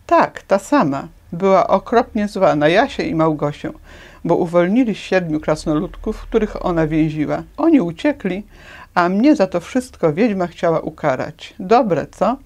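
A woman's voice: lowish voice, animated, measured pace, a little mellow. A woman voicing a frightened, boastful little male duckling in a storybook reading. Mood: indignant. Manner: complaining, indignant, mocking.

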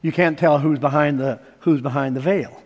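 A middle-aged man preaching on a large church stage, telling stories and building toward emphatic points. His voice sits high for a man. The hall's long reverb trails behind every phrase. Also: fairly even intonation, moderate pace, muffled recording. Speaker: pastor. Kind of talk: sermon.

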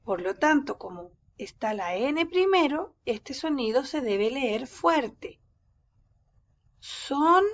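A woman teaches young children to read at a very slow, careful pace. She draws words out syllable by syllable and says each one patiently. Her voice sits a little high, and the recording sounds dull and lo-fi. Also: expressive. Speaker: first-grade teacher. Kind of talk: reading lesson for young children.

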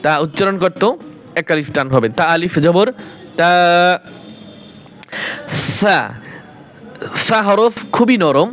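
A man teaches Quran reading in an Arabic alphabet pronunciation lesson, guiding the viewer through the letters one at a time and answering his own questions. His voice sits high and is a bit bright, with lively intonation and a normal speaking speed.

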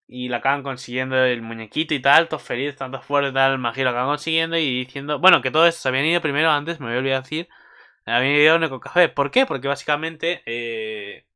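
Young man, excitable anime recapper, crisp and bright, squeals often. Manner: gushing, bursts into high squeals and shouts. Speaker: anime commentator.

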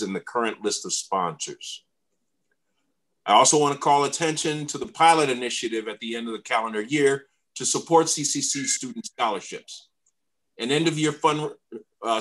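A man's voice: mid-range voice, a bit bright, low-quality recording. A man giving a trustee's foundation report at an online board meeting, reading prepared remarks steadily over a video call. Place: home room on a video call.

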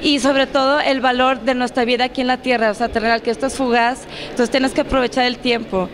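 A woman's voice: high-pitched, little pitch movement, fairly quick, noisy background. A young woman from Mexico, an actress and series creator, speaking earnestly and reflectively with fillers into a handheld mic at a press event. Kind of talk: press interview. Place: event press wall, indoors. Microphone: handheld reporter mic. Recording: crowd chatter behind.

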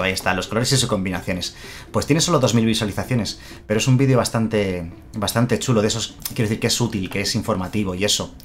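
Chatty Spanish-male streamer. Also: lowish voice. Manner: chatty, explains and answers viewers' comments. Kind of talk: casual live-stream chat.

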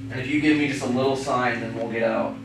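A man's voice: medium pitch, fairly even intonation, fast talker, far from the mic, noisy background. A young man speaking casually to spirits as a ghost-hunting vlogger. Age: young adult. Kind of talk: addressing spirits in casual speech. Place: small bare indoor hotel room. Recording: very echoey room, off-mic, music underneath.

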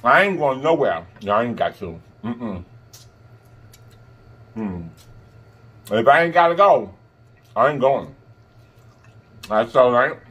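A man with a husky voice, chatting casually and emphatically as he eats crunchy fried chicken, often pausing and humming between bites. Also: mid-range voice, fairly bright tone. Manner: eating crunchy fried chicken while talking, with pauses and mm-hums; sassy, emphatic, repeats phrases for emphasis. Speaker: mukbang host. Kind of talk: casual chat while eating. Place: indoors in front of a green backdrop at a table of food.

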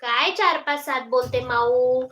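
A woman's voice: high voice, unhurried, a bit bright. A young woman chatting on a phone live stream, coaxing her toddler in sing-song baby talk and greeting viewers. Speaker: mother hosting a live stream.

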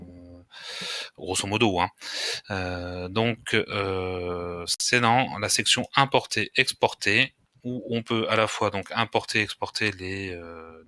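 A man hosting a screen-recorded software tutorial, talking hesitantly with frequent filler pauses. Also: lowish voice, no echo. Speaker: tutorial host.

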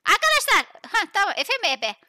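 A woman chatting casually while playing a roleplay game with others. She sounds excitable and keeps giving the group quick instructions. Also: very high-pitched, no room sound. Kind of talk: casual gaming roleplay chat.

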